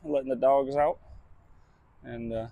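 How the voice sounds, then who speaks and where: A truck driver narrates a casual vlog to his camera while working, laid-back and chatty with casual swearing. His voice is medium-pitched, steady, unhurried and creaky, and the audio sounds narrow and tinny.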